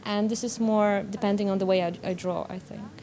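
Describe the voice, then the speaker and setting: A woman's voice: mid-range voice, fairly even intonation, a little fast, warm tone. A young woman with a Polish accent giving spontaneous answers in an interview as a student animator. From Poland. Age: young adult. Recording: background noise.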